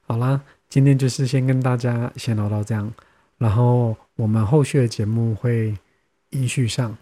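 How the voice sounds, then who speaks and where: A man's voice: mid-range voice, steady tone, normal speed, mellow. A young man with a Taiwanese Mandarin accent hosting a podcast, telling stories in casual chat and acting out his friends' lines. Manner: chatty, acts out friends' lines, laughs often. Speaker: podcast host.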